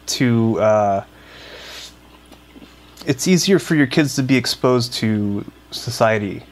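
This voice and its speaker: A man's voice: medium pitch, expressive, takes it slowly. A young man co-hosting a casual podcast, rambling with frequent restarts and fillers. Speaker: podcast co-host. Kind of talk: casual chat.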